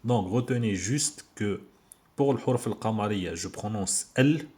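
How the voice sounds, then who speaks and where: Man, fairly low voice, patient teacher, repeats words slowly, phone recording. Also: darkish tone. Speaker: Arabic teacher. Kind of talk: informal video lesson. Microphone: handheld phone.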